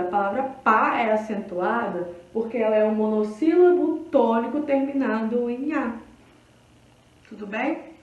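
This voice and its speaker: A high-pitched Brazilian woman teaching a recorded grammar class, stopping every few sentences to check the students follow. Her voice sits some way off the mic in a strongly echoing room. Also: recorded from a distance, muffled recording. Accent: Brazilian Portuguese. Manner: explanatory, checking in often with the class.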